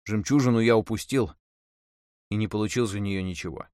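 A timid island husband who grumbles and defends himself in a low, faltering voice, as a male narrator puts him on. The sound is dry and close to the mic. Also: brisk, a little mellow, clear, resonant tone, no room sound, close to an everyday voice. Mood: weary.

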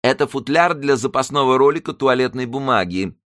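A man's voice: mid-range voice, expressive, a little fast, a bit bright, no echo, clean studio sound, pitched above the performer's own voice, natural voice. A man reading an audiobook, voicing a fussy, effeminate middle-aged shopkeeper in an affected manner. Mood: showing off.

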